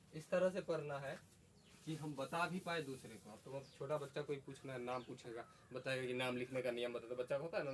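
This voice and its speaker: A man teaching a class, asking the students questions and repeating their answers. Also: a little high. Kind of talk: classroom lesson. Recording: faint background noise.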